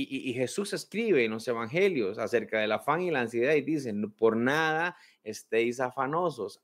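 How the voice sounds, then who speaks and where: A middle-aged man, preaching a conversational sermon and acting out worried inner voices with humor. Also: on the high side.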